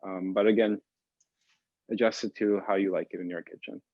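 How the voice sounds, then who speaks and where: A man who grew up in the Boston area, a pastry chef casually explaining recipes to an online audience, relaxed with many fillers. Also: lowish voice, moderate pace, no room sound, dull audio. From Boston area, United States.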